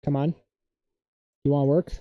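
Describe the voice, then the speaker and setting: A young man chatting casually on a live stream, rambling and excitable, loudly defending his opinions. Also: on the high side, moderate pace, no echo, dull audio.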